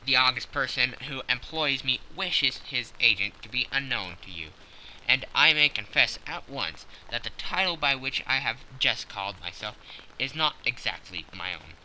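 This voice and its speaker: Male narrator as a commanding, secretive German-accented nobleman, storybook style. Harsh, sharp, imperious; faint noise behind. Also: lively intonation, normal speed, low-quality recording. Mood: guarded, formal. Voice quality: deep, harsh. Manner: formal, forceful, imperious. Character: huge masked Bohemian nobleman, haughty, secretive, commanding.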